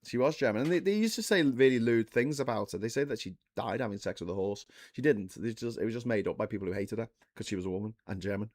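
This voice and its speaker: A man's voice: lowish voice, fast talker, hardly any pauses, a little mellow, no echo, studio quality. Chatty man in his forties, rambling. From England. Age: 40s. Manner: rambling, self-correcting, chatty with the chat. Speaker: livestream host. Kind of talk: casual live-stream chat.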